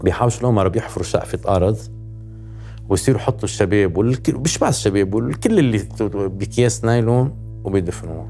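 Deep-voiced Lebanese man. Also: rapid-fire, mellow, faint music behind. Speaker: interviewee recalling war experience. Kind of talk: personal testimony, conversational storytelling.

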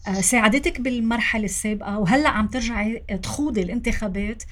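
Brisk Lebanese woman interviewer. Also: a little high, fairly bright tone. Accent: Lebanese Arabic. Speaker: interviewer, host. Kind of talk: political interview questions.

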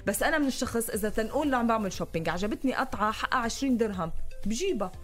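A woman's voice: on the high side, animated, racing, faint music behind. A woman with a Lebanese Arabic accent co-hosting a radio show in casual banter, explaining herself emphatically.

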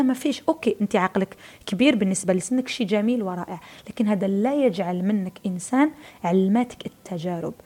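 An Algerian woman in her thirties, a media personality with an Algerian Arabic accent, speaks in a fairly high, dark-toned voice. As an interview guest in casual conversation, she talks emphatically and repeats words for stress.

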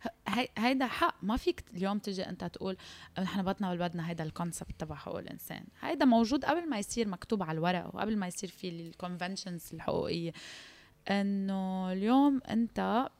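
A woman's voice: medium pitch, animated, fast talker, no room sound. A woman with a Lebanese Arabic accent hosting a casual interview discussion, often switching into English words.

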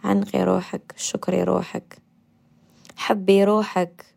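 Leading a guided meditation and self-affirmation talk on the radio, this female host speaks with an Algerian Arabic accent and a gentle, coaxing manner. Affirmations come back again and again, sometimes hushed to a soft whisper. Her pitch sits mid-range and barely moves, her pace is unhurried, and there's vocal fry throughout.

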